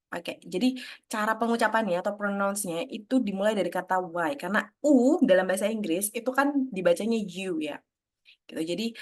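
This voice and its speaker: A woman teaches grammar in a patient, explanatory way, stopping to quiz her students. She speaks at a middle pitch and slips English words into her sentences. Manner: explanatory, mixes English terms into Indonesian, asks students questions. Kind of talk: online grammar lesson.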